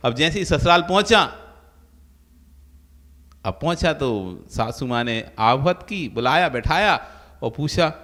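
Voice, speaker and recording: A man's voice: on the high side, animated, unhurried, long pauses, fairly bright tone. A man, a monk, giving a sermon and telling everyday stories with acted-out voices. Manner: storytelling with acted-out quoted voices. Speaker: Jain monk preacher. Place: preaching hall. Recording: long hall reverb.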